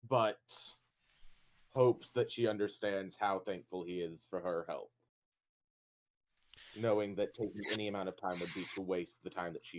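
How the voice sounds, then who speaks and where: A man playing a tabletop game, calmly describing his character's actions in the third person. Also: lowish voice. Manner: measured, narrates in third person. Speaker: player.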